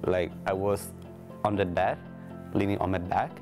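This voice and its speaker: A man's voice: low voice, fairly even intonation, normal speed. A man in his twenties, a native Italian speaker talking in English, gives a candid, hesitant interview to camera in a studio. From Italy. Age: 20s. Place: studio with blue backdrop. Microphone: lapel. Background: background music.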